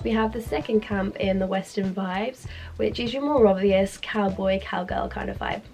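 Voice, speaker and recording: A British woman talks through a fashion guide in an informal, chatty manner. Her medium-pitched voice sounds sick and strained, as with a sore, swollen throat. Light music plays behind her. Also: a little mellow. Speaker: fashion video creator. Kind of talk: upbeat scripted fashion guide to camera.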